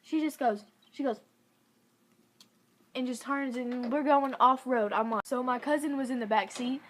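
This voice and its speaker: A woman's voice: sits high, moderate pace, slight background noise. Chatty young woman vlogger. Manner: chatty, giggly, lots of "like" fillers. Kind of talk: casual story time.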